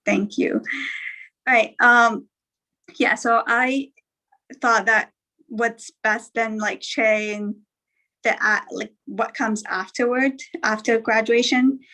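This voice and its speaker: A woman's voice: fairly high pitch, steady tone, slow pace, pushed and bright, low-quality recording. A young woman from Algeria, a guest speaker talking casually and a little hesitantly on a live stream, with many fillers and restarts.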